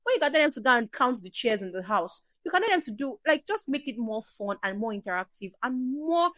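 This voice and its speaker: A woman hosting a parenting advice show, answering viewer questions in an animated way and acting out shouting parents. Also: a little high, a little fast, no room sound. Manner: animated, acts out shouting parents, drops to soft emphasis.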